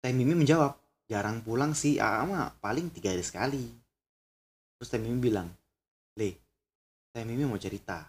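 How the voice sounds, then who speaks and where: A man's voice: mid-range voice, moderate pace, pauses often, darkish tone, breathy edge. A young man narrating a horror story in a casual way, breaking off for chatty asides and crude exclamations.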